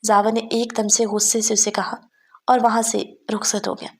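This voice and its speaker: A woman narrating a romance novel in a steady, even storytelling manner. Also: medium pitch. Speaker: novel reader.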